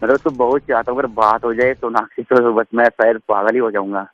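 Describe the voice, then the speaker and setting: A man's voice: medium pitch, flat delivery, fairly quick, no echo. A man on a phone call, talking in a dramatic, lovestruck and pleading way. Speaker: prank call target. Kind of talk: phone conversation. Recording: tinny phone line.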